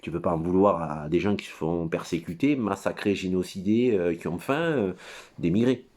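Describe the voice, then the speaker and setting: A man with a very low voice talks on his own in front of his computer. His monologue is rambling and crude. He hesitates often, stumbles over fillers and wanders off into tangents. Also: normal speed, a little mellow. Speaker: commentator.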